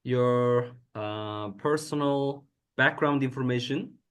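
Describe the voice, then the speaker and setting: A man's voice: mid-range voice, slow, clear, resonant tone. A man hosting a podcast interview, introducing his guest hesitantly with frequent fillers. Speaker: podcast host. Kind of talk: casual interview.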